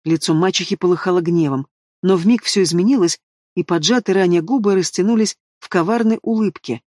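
A man narrating a first-person fantasy audiobook with an expressive, dramatic reading, recorded close to the microphone. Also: high voice, brisk, no room sound.

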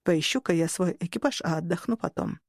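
A woman's voice: lowish voice, expressive, brisk, no room sound, clean studio sound. A woman reading an audiobook and voicing a reserved male android starship captain in a subdued, polite manner.

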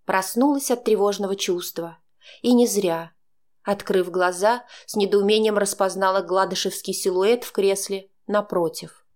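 A woman narrates a dramatic first-person audiobook at a mid pitch. Her storytelling is measured and steady, carrying tension without rushing.

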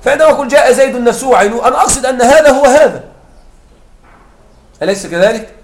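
A man's voice: extremely high pitch, animated, quick pace. A man teaching grammar to a class, explaining with repeated examples and often asking the students whether they follow. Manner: explains with repeated examples and checks understanding with questions. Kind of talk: classroom lecture. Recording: echoey classroom sound.

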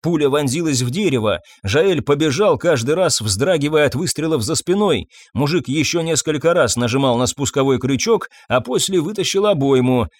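A man's voice: fairly high pitch, lively intonation, dry recording. Man narrating a story in a dry close sound. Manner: measured storytelling, voices figures himself. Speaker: audiobook narrator. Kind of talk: scripted narration.

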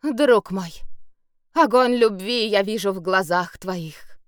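A woman voicing a tipsy, pompous male elf bard in an audiobook, talking in a high, flowery, theatrical way. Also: animated, moderate pace, a bit bright, clear, resonant tone, no room sound, studio quality, natural voice.

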